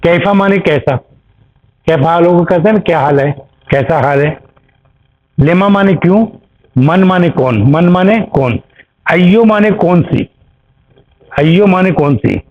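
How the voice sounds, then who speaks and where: A man teaching an Arabic grammar class, explaining slowly and repeating each term while checking that his listeners follow. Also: on the high side, animated. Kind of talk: grammar lesson. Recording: tinny phone-like audio.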